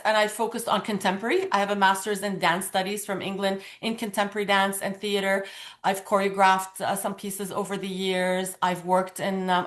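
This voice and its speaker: A woman from Lebanon whose first language is Arabic, speaking earnestly and warmly as an interview guest. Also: mid-range voice. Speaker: guest, pageant titleholder. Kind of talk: casual interview conversation.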